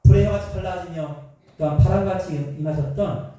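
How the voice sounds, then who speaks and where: Male pastor, sermon delivery, rhetorical questions, fairly high voice, roomy church sound off-mic. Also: fairly quick. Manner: animated preaching with rhetorical questions to the congregation. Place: church sanctuary. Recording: echoey church from a distant mic.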